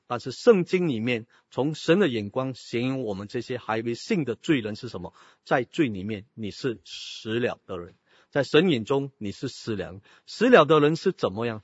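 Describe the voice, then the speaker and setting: Husky-voiced preacher. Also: male voice, medium pitch, no echo. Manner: emphatic, asks the congregation rhetorical questions; mixes in English words. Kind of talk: sermon. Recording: dull lo-fi sound.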